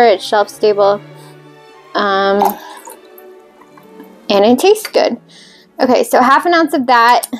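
A woman hosting a cocktail video, talking casually and rambling with fillers while she mixes drinks. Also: on the high side. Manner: chatty, rambling, self-deprecating with fillers.

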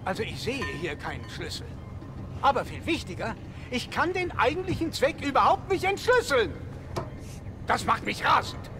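A man's voice: very high-pitched, sing-song, normal speed, over music. An actor playing an eccentric, irritable scientist in a video game, ranting wordily and exasperated, obsessed with his research. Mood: indignant rant.

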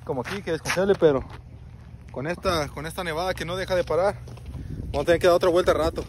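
A man's voice: a little high, fast talker. A man in his thirties with a Mexican accent, chatting casually as a vlogger in slangy, sweary Chicano-style street talk. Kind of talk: casual vlog chat. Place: truck cabin and snowy outdoors at night. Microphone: handheld phone at arm's length. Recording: noisy handheld, car and outdoor noise.

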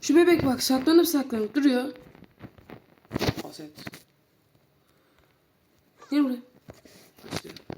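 A woman giving casual commentary on a horror game, chatting to her viewers and bursting out loudly at sudden moments. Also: high voice, takes it slowly, long pauses, noisy background. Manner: chatty, talks to viewers, sudden loud outbursts. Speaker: gaming channel host.

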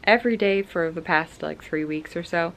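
A woman in her twenties, a book vlogger, chats casually and enthusiastically to a camera at home, mostly from her bedroom. Her voice is fairly low and fairly bright, at normal speed, with slight background noise.

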